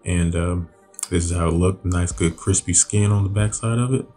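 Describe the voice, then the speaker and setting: A man with a very deep, low voice talks through his grilled recipe in an easygoing, rambling way, full of fillers and restarts. Soft background music sits faintly under his voice-over. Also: normal speed. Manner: relaxed, loose, many fillers and restarts. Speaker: cooking channel host. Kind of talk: casual voice-over narration.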